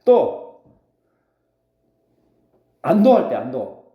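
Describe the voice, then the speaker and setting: A pastor preaching a sermon, throwing rhetorical questions to the congregation. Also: male voice, on the high side, extremely slow, reverberant, lo-fi sound. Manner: lively preaching with call-and-response questions. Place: church sanctuary.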